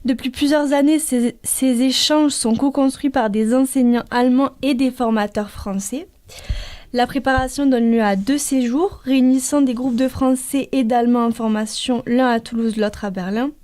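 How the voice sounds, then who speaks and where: A woman's voice: high voice, steady tone, moderate pace, warm tone. A woman giving a prepared explanation as a guest in a radio interview.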